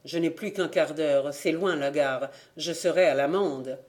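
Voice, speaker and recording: A man's voice: fairly high pitch, unhurried, pitched below the performer's own voice, lightly acted. A man reading an audiobook, voicing a young son who left the farm, speaking defensively and a little sheepishly. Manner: evasive and defensive, half-sheepish.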